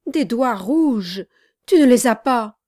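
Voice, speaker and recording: A woman voicing Charlot, a frightened young male thief, in shrill, urgent outbursts. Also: measured pace, darkish tone, dry recording, clean studio sound, lightly acted. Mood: panicked.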